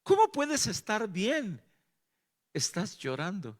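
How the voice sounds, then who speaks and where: A kindly elderly woman leans out of a car window and gently asks if everything is all right, as a preacher puts her on. She speaks slowly and softly in a Mexican accent, with a slightly high voice. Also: huge pitch swings, exaggerated voice. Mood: concerned. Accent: Mexican Spanish.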